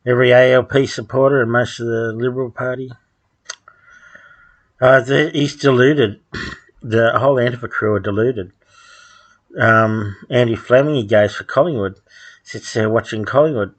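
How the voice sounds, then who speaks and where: A man, delivering a rambling solo monologue at home, halting with frequent ums and restarts and dry sardonic asides. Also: mid-range voice. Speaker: podcast host.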